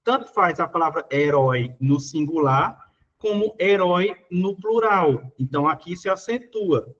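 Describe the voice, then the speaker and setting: A man's voice: a little high, animated, unhurried, a bit bright, highs cut off. A Brazilian Portuguese man teaching, working through exam questions in a casual, conversational way, full of little fillers.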